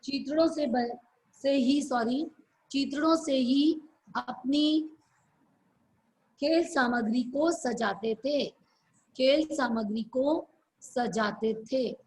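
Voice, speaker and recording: A woman teacher dictating answers to her class over a video call. Her voice sits high and she speaks slowly, repeating each phrase so students can write it down. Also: a little mellow, low-quality recording. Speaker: school teacher.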